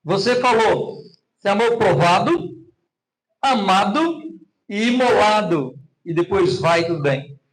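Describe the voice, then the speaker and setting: High-voiced Brazilian pastor teaching. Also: male voice, lively intonation, low-quality recording. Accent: Brazilian Portuguese. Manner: teacherly, asks the congregation questions; reads verses slowly with stress on rhymes. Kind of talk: sermon.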